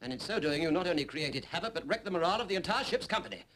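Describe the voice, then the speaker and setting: An actor playing a combative naval prosecutor, sarcastic and quarrelsome. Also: male voice, a little high, animated, rapid-fire, fairly bright tone, slight background noise. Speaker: prosecuting officer.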